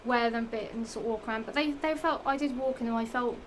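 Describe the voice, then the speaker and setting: Speaking quickly in a voice on the high side, a young Norfolk-accented woman from England talks casually about shoes for her vlog. The heat makes her sound a little strained, and she's giggly and rambling, repeating herself with many fillers and restarts. It's a chatty show-and-tell, recorded noisily at home.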